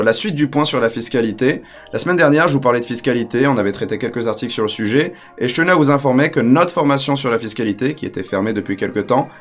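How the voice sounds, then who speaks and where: Joking male crypto news host. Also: mid-range voice. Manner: joking asides, upbeat presenter delivery. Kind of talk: weekly crypto news bulletin to camera.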